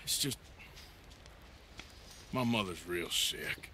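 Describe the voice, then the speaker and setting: An actor playing a gruff, wry cowboy bounty hunter in a western video game. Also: male voice, low voice, lively intonation, slow, bright, forceful tone, slight background noise, heavily acted. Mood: coaxing.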